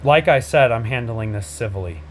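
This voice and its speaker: A man hosting his own show, bluntly addressing people directly to camera in a confrontational way, with many pauses and fillers. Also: mid-range voice, expressive, slight background noise. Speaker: host, a father speaking out.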